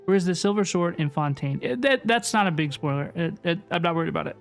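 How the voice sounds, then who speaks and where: A woman livestreaming a video game gives casual, chatty playthrough commentary in a lowish, animated voice at a quick pace. She often repeats phrases for emphasis, with soft game music behind her.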